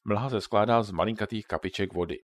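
Casual: man playing a jokey dad explaining stuff, fairly low voice, dry sound. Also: dry recording, lightly acted. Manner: teasing, patiently explaining. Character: joking, explaining father.

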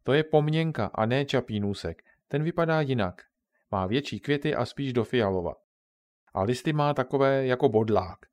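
An eager, chubby boy camper explains and plans everything in a storybook reading, voiced by a man. The voice lifts a little above an ordinary man's, lively and bossy but never loud. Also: medium pitch, no room sound, clean studio sound, natural voice.

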